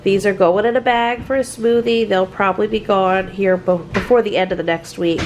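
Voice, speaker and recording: A woman's voice: mid-range voice, fairly even intonation, brisk, slight background noise. A woman vlogging casually from her farm kitchen and barnyard, chatty and homey, coaxing her animals along. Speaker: homestead vlogger. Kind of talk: casual chat to camera.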